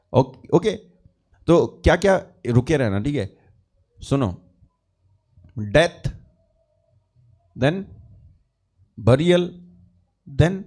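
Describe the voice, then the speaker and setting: A man's voice: medium pitch, darkish tone. A man preaching a sermon, reading scripture and then explaining it. He repeats key phrases for emphasis and speaks to his listeners as brother and sister.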